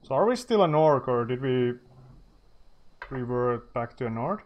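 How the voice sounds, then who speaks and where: Unhurried, swearing young male streamer. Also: mid-range voice, lively intonation, muffled recording. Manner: swears and laughs a lot, chatty with viewers. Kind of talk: casual gaming commentary.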